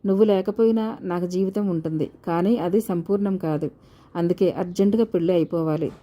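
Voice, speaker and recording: A woman's voice: on the low side, fairly quick, warm tone. A woman reading a novel aloud, voicing every character in her own voice with a slight lift for the dialogue. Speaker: audiobook narrator.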